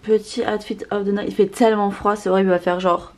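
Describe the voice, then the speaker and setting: This young adult vlogger talks quickly to camera at a medium pitch with little pitch movement, keeping things casual, slangy and emphatic while mixing in English. The sound, captured on a handheld camera or phone, is clearly noisy.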